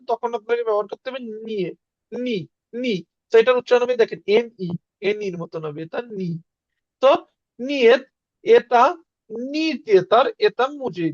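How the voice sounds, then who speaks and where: A man's voice: very high-pitched, no room sound, dull audio. A man teaching a casual online language class, patiently repeating words for his students.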